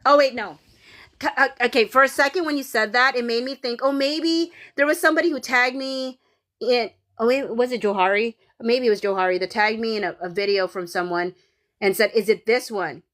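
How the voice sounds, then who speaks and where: Brisk and fairly bright, her fairly high voice carries a Filipino accent as she hosts a casual livestream, perhaps in her thirties. She reads the chat aloud and rambles, with plenty of fillers and restarts.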